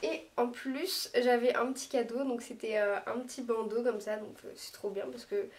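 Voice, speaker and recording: A beauty vlogger reviews makeup in a daylit room, chatty but hesitant, with lots of small pauses. Her voice is on the high side with fairly even intonation, sitting a bit far from the mic, with slight background noise.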